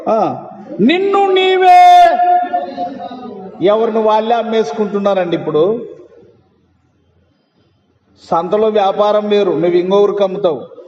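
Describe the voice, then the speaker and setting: A high-voiced male pastor preaches with emphasis, firing questions at his congregation. He sounds like he is in a large church hall, his voice ringing with long reverb. The recording is dull and muffled. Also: mellow. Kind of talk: sermon.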